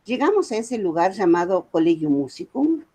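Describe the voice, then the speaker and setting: Very animated and warm, with a slightly rough, medium-pitched voice at normal speed, this Argentine woman in her seventies gives a prepared guest talk. An author and music educator with a Buenos Aires accent, she recounts her story earnestly, dropping in informal asides.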